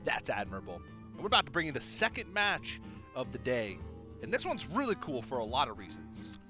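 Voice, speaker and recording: A man's voice: mid-range voice, wildly swooping pitch, a little fast, over music. A young man casting a collegiate card game tournament, with playful, chatty banter between matches. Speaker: esports caster. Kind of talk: tournament commentary.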